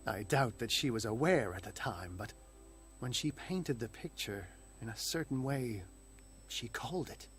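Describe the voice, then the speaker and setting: An actor playing an aloof male occultist in a video game, speaking in a haughty, measured and condescending way. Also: medium pitch, lively intonation, fairly bright tone. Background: game music.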